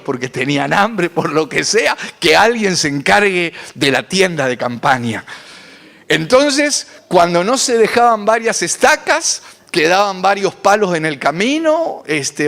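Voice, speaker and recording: A man preaches in a high, animated voice that rises and falls widely. His sermon rings with a long reverb from a church hall. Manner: animated preaching with dramatic pitch swings. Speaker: pastor.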